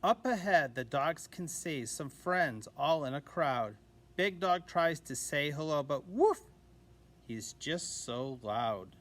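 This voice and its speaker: A man reading a children's picture book aloud as a teacher, gently and expressively, giving the dogs little voices. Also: fairly high pitch, expressive, slow pace. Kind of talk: children's storybook read-aloud.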